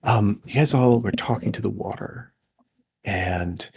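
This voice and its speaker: Gravelly man running a tabletop game. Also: on the low side. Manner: lively, halting narration with many fillers. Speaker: game master.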